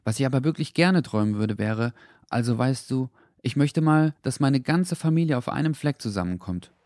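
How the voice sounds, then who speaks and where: A man voicing a young, kind-hearted boy in a children's audio story, talking earnestly and gently. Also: medium pitch, lively intonation, normal speed, dry recording, clean studio sound, pitched above the performer's own voice, lightly acted. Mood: wistful.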